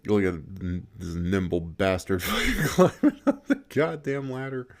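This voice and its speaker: A gaming video creator with a deep, expressive voice talks a little slowly through casual gameplay commentary. He swears a lot, laughs often, and rambles, frequently restarting his sentences.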